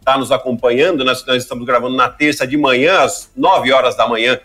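A man who comments on basketball, talking through a podcast in a relaxed, conversational way. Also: medium pitch, fairly quick, soft background music. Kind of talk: podcast chat.

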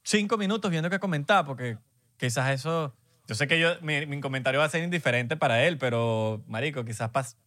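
Bright-voiced young Venezuelan man. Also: fairly high pitch, a little fast. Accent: Venezuelan Spanish. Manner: emphatic, peppers speech with slang fillers. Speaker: podcast co-host. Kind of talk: casual chat.

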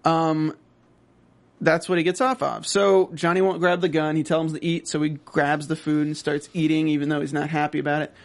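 A man talking through a TV show with a co-host, loose and rambling. He jokes around and slips into quick impressions of the characters while he retells the story. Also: on the high side, flat delivery. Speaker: podcast co-host. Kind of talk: casual recap chat.

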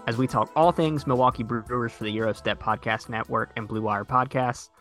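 A man's voice: mid-range voice, fairly even intonation, a little fast, fairly bright tone, faint music behind. Upbeat man hosting a sports podcast. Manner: chatty, upbeat, with frequent fillers. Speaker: podcast host. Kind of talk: casual sports podcast chat.

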